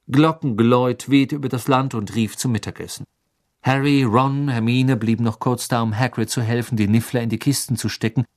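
A man narrates a storybook at a middle pitch, in an expressive but even reading voice. He reads close to the mic with a dry sound and no room echo. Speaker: audiobook narrator.

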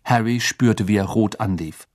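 A man narrating a children's fantasy audiobook with a steady, expressive reading. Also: fairly low pitch, normal speed, no room sound, studio quality. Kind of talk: scripted narration.

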